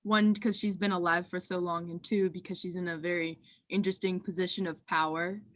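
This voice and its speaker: A woman's voice: fairly low pitch, little pitch movement, fairly quick, dry recording. Young woman talking chattily in a dry room. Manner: chatty, giggly, thoughtful answers. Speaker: guest, lacrosse player. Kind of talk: casual interview chat.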